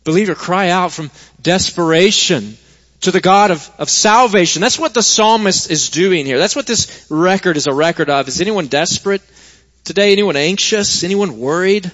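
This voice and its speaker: A man's voice: high-pitched, lively intonation, moderate pace, a bit bright. A man preaching a sermon to a congregation in a conversational way that builds to emphatic stretches. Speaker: pastor. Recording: dull sound with long hall reverb.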